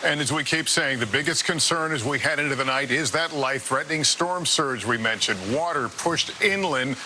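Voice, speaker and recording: A man's voice: on the high side, moderate pace, pushed and bright, a little hiss or hum, poor audio. A man presenting the news as an anchor and handing over to a reporter.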